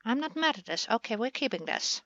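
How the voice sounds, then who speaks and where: A woman's voice: on the high side, sing-song, a little fast, fairly bright tone, no room sound, highs cut off. A woman hosting a gaming channel, chatting through a building session in a playful way and talking to the game pieces as she works.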